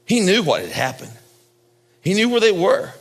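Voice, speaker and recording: Man preaching at a pulpit microphone, lively. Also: moderate pace, long reverb tail. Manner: animated preaching, swinging between loud high emphasis and low hushed lines. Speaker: pastor. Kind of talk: sermon.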